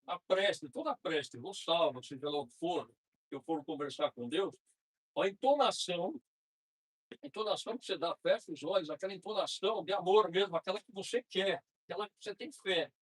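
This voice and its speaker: Brazilian man, spiritist lecturer, husky voice, chatty, tag questions, slow prayer readings. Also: high-pitched, low-quality recording. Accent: Brazilian Portuguese. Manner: conversational, frequent tag questions, slows to read prayers. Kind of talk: informal spiritist talk.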